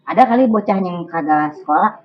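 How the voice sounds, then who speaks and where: A woman with a Betawi accent in comedic casual chat, lively and acting out quoted speech. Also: lowish voice, a little fast, lo-fi sound.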